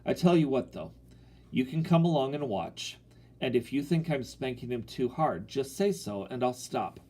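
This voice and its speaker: A man voicing a gruff father who talks sternly. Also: mid-range voice, animated, moderate pace, mellow, lightly acted. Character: gruff father, stern but secretly amused.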